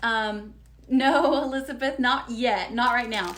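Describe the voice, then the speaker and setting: A woman's voice: fairly high pitch, unhurried, fairly bright tone. Woman, forties, folksy live chat, faint background hum. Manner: chatty, upbeat, folksy, many fillers. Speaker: lifestyle vlogger. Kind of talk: live unboxing chat to viewers.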